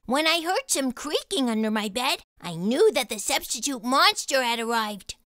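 A woman host reading a children's storybook aloud with animated, expressive delivery. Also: high-pitched, moderate pace, dry recording.

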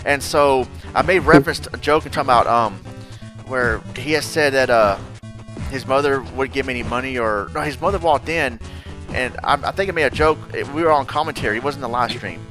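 A man hosting a casual interview, an animated storyteller who laughs often and acts out quotes. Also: mid-range voice, fairly quick, soft background music. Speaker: podcast host.

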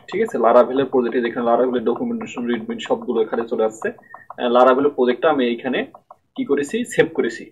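A man with a mid-range voice gives a screen-recorded programming tutorial at his computer, explaining step by step and often checking that listeners are following. The sound is phone-quality with a little hiss or hum.

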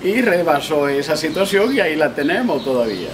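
A man's voice: on the high side, big pitch swings, brisk. An older man with a Dominican accent, speaking proudly and measuredly in a sit-down interview outdoors on a garden patio. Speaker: family member of contestant. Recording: noisy outdoor recording. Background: birds and outdoor ambience.

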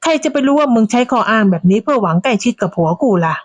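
A woman voicing a jealous, furious old village wife who curses and accuses in a slow, drawn-out way. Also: on the high side, animated, no echo, natural voice. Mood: furious, cursing. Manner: cursing, accusing, drawn-out delivery.

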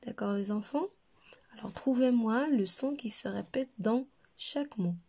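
A woman with a Moroccan French accent, teaching a slow reading lesson to young children and repeating each word carefully for her pupils. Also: on the high side, mellow, husky. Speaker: primary school teacher.

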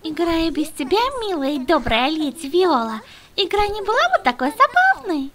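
A woman's voice: extremely high pitch, big pitch swings, moderate pace, a bit bright, a little hiss or hum, full character voice. A woman voicing a cheeky, teasing little pirate girl in a fan-dubbed video game.

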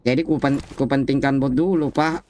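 A man's voice: mid-range voice, steady tone, normal speed, a little mellow. A young man in casual gaming banter, teasing in a mock-formal way. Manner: mock-formal, keeps calling his friend "Pak". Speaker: mobile game player.

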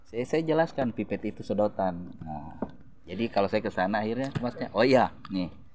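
Brief: middle-aged man, low voice, lively storyteller in a relaxed chat. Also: a little fast, background noise. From Makassar, South Sulawesi. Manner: storytelling, animated retelling of anecdotes. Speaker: guest. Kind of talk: casual chat.

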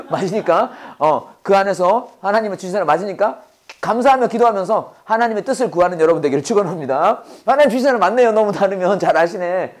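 A man's voice: sits high, expressive, fairly quick. A Korean-speaking man teaching a Bible-based English lesson to a class. He drills phrases with call-and-response and laughs often.

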